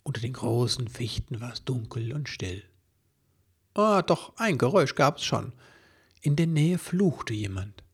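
A man reading a children's story aloud, lively and doing voices for the characters. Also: medium pitch, unhurried, slightly rough. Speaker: narrator.

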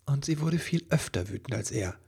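Male narrator for a children's story; lively read, gravelly, husky tone. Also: medium pitch, fairly quick. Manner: lively reading with voices for the characters. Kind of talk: storybook reading.

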